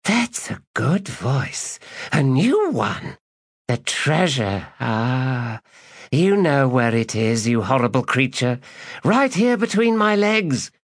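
A man voicing a playful noblewoman in bed with a husky, whispering voice. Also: mid-range voice, very animated, takes it slowly, no echo, studio quality, pitched above the performer's own voice, full character voice. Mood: coy, breathy.

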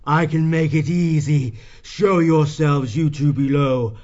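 Man as a slow, commanding giant eel. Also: a little high, fairly even intonation, a little mellow, dull audio, voice pushed up. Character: huge, confident male eel, slow menacing monster.

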